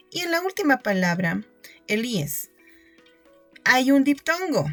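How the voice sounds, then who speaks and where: A woman teacher giving a recorded lesson, explaining step by step and checking in with her students. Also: mid-range voice. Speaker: secondary school teacher.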